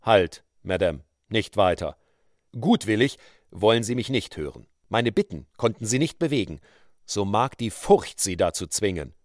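A man voicing a smooth, menacing male outlaw who speaks low, slow and suave. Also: animated, dry recording, studio quality.

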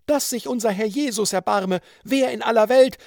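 A flustered, indignant respectable lady cries out in a high, shrill voice, as a man puts her on. Her pitch swings wildly, the sound dry and close. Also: lively intonation, a little slow, gravelly, no room sound, exaggerated voice.

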